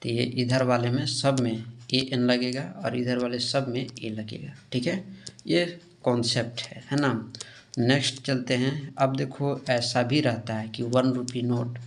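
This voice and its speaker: A man's voice: mid-range voice, fairly even intonation, unhurried, creaky. Man teaching grammar step by step. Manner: explains step by step with frequent "theek hai" check-ins; asks questions and answers them himself. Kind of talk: classroom grammar lesson.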